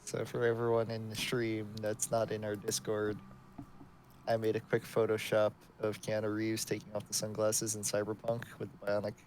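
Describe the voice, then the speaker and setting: Dry, jokey man with a lowish voice. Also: completely flat delivery, moderate pace, a little mellow, slight background noise. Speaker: co-host of a live stream. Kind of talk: casual chat while watching a live stream.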